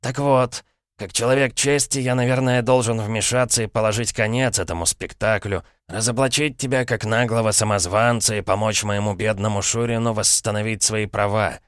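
A man voicing a sly, pompous middle-aged uncle, smooth and mock-courteous, with an ironic tone. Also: on the low side, steady tone, normal speed, dry recording, studio quality, pitched above the performer's own voice, lightly acted. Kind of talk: audiobook character voice.

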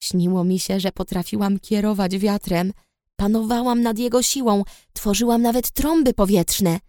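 Female audiobook narrator, first person; even, reflective delivery; dry, close studio sound. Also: mid-range voice, normal speed, dry recording.

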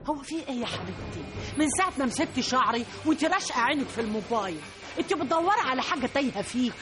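An actress playing a brash, threatening Egyptian butcher-shop owner in a radio drama, talking in a coarse, bullying way. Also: female voice, sits high, very animated, rapid-fire, over music. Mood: suspicious. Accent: Egyptian Arabic. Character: brash menacing woman butcher, rich and threatening. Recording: noisy old radio broadcast.

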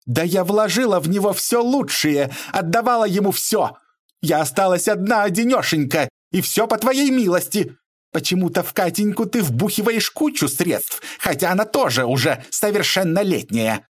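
A man's voice: on the high side, animated, normal speed, hardly any pauses, dry recording, clean studio sound, voice pushed up. A man voicing an imposing, theatrical middle-aged woman who shrieks and accuses. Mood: indignant.

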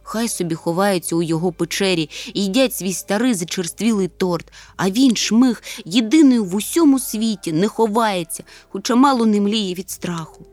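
A woman narrating a children's storybook in a lively, expressive way. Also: mid-range voice, moderate pace, hardly any pauses, no echo. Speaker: audiobook narrator. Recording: soft music under the reading.

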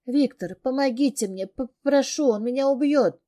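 A woman's voice: fairly high pitch, animated, slow pace, a little mellow, voice pushed up. A woman voicing a terrified young woman in an audiobook, screaming and pleading through tears. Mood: tearful pleading.

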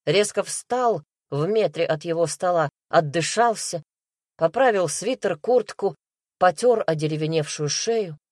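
A woman narrating a crime novel in a steady, tense storytelling manner on a close studio mic. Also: on the low side, measured pace, dry recording. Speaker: audiobook narrator.

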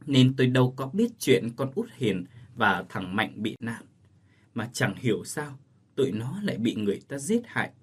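A grieving middle-aged village aunt, blunt and frightened, as a male narrator reads her lines. The voice is husky and the pitch moves widely. It stays close to the reader's own voice, told plainly in an audio ghost story. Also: big pitch swings, normal speed. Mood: distressed. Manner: plain storytelling delivery of quoted speech.

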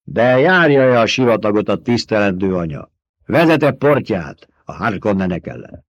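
A man reading an audiobook, voicing a young rebel leader who challenges a crowd with forceful rhetorical questions. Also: lowish voice, sing-song, no room sound, dull audio. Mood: commanding. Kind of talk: audiobook character voice.

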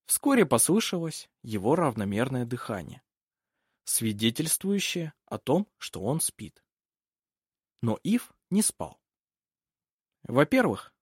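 A man narrating an audiobook in a calm storytelling manner. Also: medium pitch, husky, no echo, clean studio sound. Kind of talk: scripted narration.

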